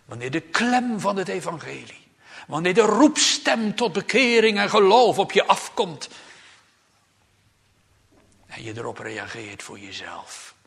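A man preaching a solemn, urgent sermon in a church, swinging between hushed near-whispers and loud emphatic outbursts and repeating his key phrases. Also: sits high, sing-song, a little slow, vocal fry, long pauses. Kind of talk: sermon from the pulpit. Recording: long church reverb.

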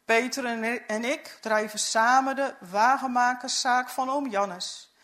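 A woman's voice: a little high, slow, a bit bright. A woman reading a story aloud in the first person, in an earnest, reflective way. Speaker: narrator.

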